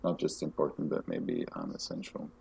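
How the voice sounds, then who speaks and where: A man from Belgium, a music festival director, talking casually in a soft, measured way with frequent pauses. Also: extremely low pitch, sing-song, gravelly, breathy edge. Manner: soft-spoken, measured, hesitant with ums. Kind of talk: casual interview conversation.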